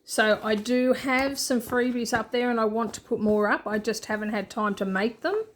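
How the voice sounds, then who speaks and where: Chatty woman, fairly high voice. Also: normal speed, a little hiss or hum. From Australia. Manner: chatty, easygoing, laughs at herself. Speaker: budgeting channel host. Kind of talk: casual show-and-tell walkthrough.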